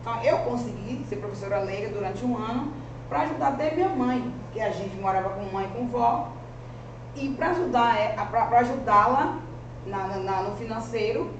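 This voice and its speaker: A woman in her forties from rural Bahia, Brazil, a teacher and master's student, presents research at a seminar without a script, her strong rural Bahian Portuguese accent clear. Her voice is a little high at a moderate pace, earnest and conversational with frequent restarts. The recording is echoey, distant, and noisy, with the highs cut off.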